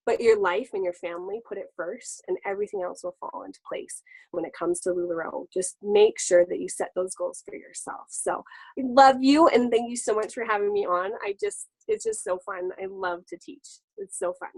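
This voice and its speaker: A woman giving an enthusiastic, animated pep talk as a guest on a team webinar over a video call. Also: mid-range voice, moderate pace, breathy edge, dry recording, low-quality recording. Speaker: guest speaker.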